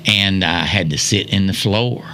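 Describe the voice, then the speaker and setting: A storyteller guest in his seventies from Wilkes County, North Carolina, speaks with a Southern American accent in a low, bright, forceful voice at a measured pace. He rambles through folksy reminiscences, repeating phrases for emphasis, over slight background noise.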